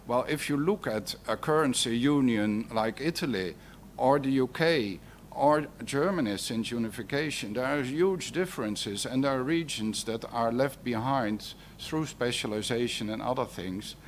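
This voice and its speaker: A man's voice: medium pitch, normal speed. A man giving remarks at a conference round table, hesitating as he searches for words. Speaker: panel speaker. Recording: live conference recording, faint noise.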